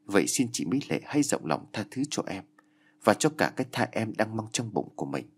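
A man's voice: mid-range voice, sing-song, brisk, breathy edge. A man voicing a frightened young woman who cries and pleads, in a storybook reading. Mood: pleading. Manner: crying, begging.

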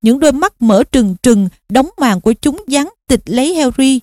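A woman reading an audiobook aloud in a steady, expressive storytelling manner. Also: high voice, moderate pace, no room sound, studio quality. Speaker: audiobook narrator.

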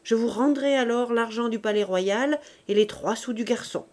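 A rebellious teenage boy, as a woman reader voices him, defiant and bitter. He talks forcefully, in a raised voice. It sounds like dialogue in a read novel. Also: a little high, normal speed, natural voice.

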